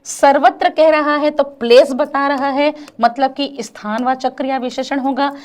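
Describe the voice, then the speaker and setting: In an exam-prep grammar lecture, a woman addresses her students as "beta," frequently checks whether things are clear, and draws out example lines slowly. Her voice is high and a little mellow, with a steady tone.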